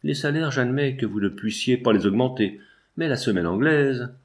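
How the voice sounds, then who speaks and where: A man voicing an aging, scheming provincial deputy who pleads and insists in a low, wheedling way. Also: animated, moderate pace, close to an everyday voice. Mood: pleading.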